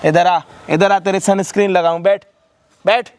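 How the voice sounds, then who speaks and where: A man's voice: sits high, steady tone, normal speed, clear, resonant tone. A man hosting a vlog who harshly rebukes a son, swearing freely. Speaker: vlog host confronting a son. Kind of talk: staged confrontation, scolding.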